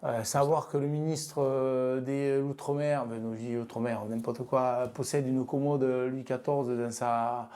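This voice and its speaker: A man's voice: mid-range voice, level tone, unhurried, few pauses, mellow. A middle-aged man from Lozère with a singsong southern French accent, speaking frankly in an interview with many fillers and restarts. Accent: southern French (Midi). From France, Lozère. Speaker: guest, business leader. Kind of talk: casual interview talk.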